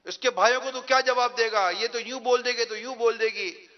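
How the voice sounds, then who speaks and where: A man's voice: very high voice, fairly even intonation, long reverb tail. A man voicing a scheming male devil who coaxes and urges a worshipper, in a dull lo-fi recording. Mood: coaxing. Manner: coaxing, urging.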